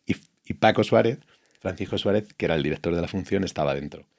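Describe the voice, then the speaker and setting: A man's voice: low voice, fast talker, vocal fry, a little mellow. A middle-aged man from Spain, an actor and the guest, telling anecdotes in casual conversation, acting out quoted lines and often restarting his sentences. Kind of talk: casual interview chat.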